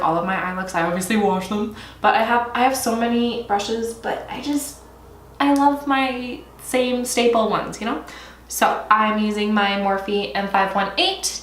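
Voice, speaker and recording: A young beauty vlogger chats her way through a casual makeup tutorial, sounding a little stuffy from allergies, swearing playfully, and now and then breaking into squeals. Her voice is mid-range with a fairly bright tone, recorded in an echoey room with faint noise.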